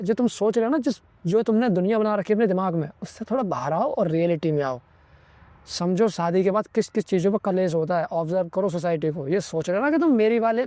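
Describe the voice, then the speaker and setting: A man's voice: high voice, dark tone, dry recording. A young man vlogging a blunt, preachy advice monologue, punctuating points with "okay". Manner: preachy, lecturing, constantly says "ठीक है".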